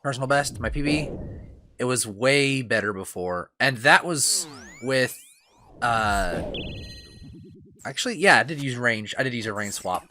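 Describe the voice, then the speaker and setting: A man records a rambling voice-over for his gameplay footage, circling back on himself with fillers and half-finished words. He is getting over a cough, and his pitch sits in the middle range. A steady hiss of noise runs under the recording. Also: unhurried, long pauses. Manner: rambling, self-deprecating, many fillers and restarts. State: lingering cough, itchy throat. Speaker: gaming channel host.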